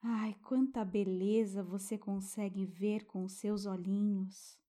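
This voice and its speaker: A Brazilian woman gently narrating a guided sleep-story meditation for children, hushed and tender, as a soothing guide. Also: medium pitch, fairly even intonation. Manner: gentle, hushed, breathy pauses, tender diminutives.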